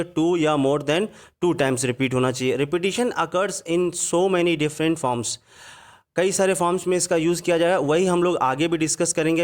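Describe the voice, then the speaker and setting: Man teaching a slow Hindi grammar lesson. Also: fairly high pitch. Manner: explains in Hindi, reads English examples out slowly. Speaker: English teacher. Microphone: voice-over on slides.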